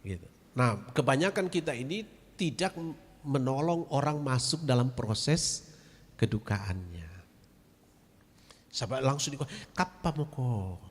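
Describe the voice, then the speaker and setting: Speaking a little slowly in an expressive, mid-range voice with a breathy edge and long pauses, a pastor and grief counselor gives church members a chatty, direct training session. He addresses them as "Bapak Ibu," and the church hall adds a long reverb to the recording.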